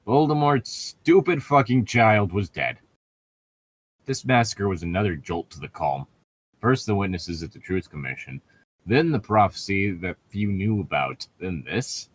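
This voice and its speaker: This co-reader on a fan fiction riffing show mocks the text as he reads it aloud, casually cursing, stumbling on words and adding sarcastic comments. He has a lowish, expressive voice with a breathy edge and keeps a measured pace.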